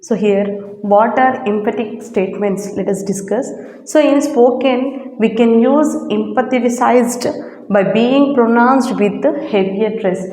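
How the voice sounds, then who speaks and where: Slow woman teaching grammar. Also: a little high, a little mellow. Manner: slow, repetitive explaining with frequent "so here". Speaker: English teacher. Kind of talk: grammar lesson. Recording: echoey room with long reverb.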